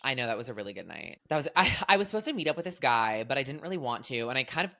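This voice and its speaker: Animated bright-voiced young man chatting. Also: medium pitch, very fast, vocal fry. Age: 20s. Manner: animated, expressive, laughing often. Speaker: podcast co-host. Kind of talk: casual chat.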